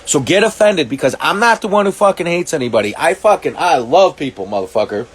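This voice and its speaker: A man talking to camera, reacting to clips, swearing often and working out his thoughts aloud with halting restarts. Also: on the high side, expressive, noisy background. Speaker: commentary vlogger. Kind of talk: reaction monologue.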